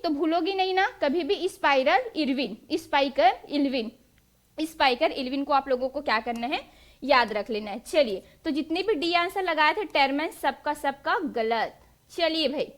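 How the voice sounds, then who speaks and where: A young woman teacher leading an exam-prep lesson, asking the class questions and answering them herself. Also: very high-pitched. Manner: drills students with quiz-style questions, then answers them.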